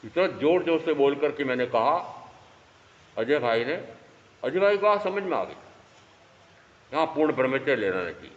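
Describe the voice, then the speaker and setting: A man in his fifties giving a sermon as a Jain monk, animated and throwing rhetorical questions at his listeners. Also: medium pitch, moderate pace, long pauses. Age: 50s. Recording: echoey hall, dull lo-fi sound.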